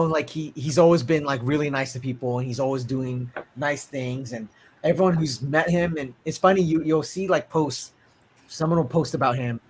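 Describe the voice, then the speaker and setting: A man's voice: on the high side, a bit bright, slight background noise. A man hosting a casual podcast, reading out news items in a loose, chatty way with plenty of fillers. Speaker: podcast host.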